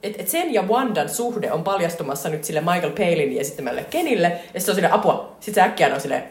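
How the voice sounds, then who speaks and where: Animated Finnish woman podcaster. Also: fairly low pitch. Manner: animated, laughing, acts out film lines loudly. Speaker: podcast co-host. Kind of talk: casual chat about a film. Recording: echoey room with faint ambient noise.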